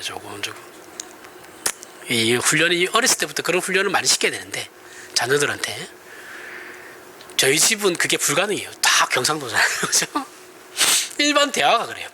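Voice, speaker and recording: Bright, lively Gyeongsang-accented pastor. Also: male voice, a little high, slight background noise. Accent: Gyeongsang Korean. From Gyeongsang region, Korea. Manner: conversational, often asks the congregation for agreement, laughs at himself. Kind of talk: sermon.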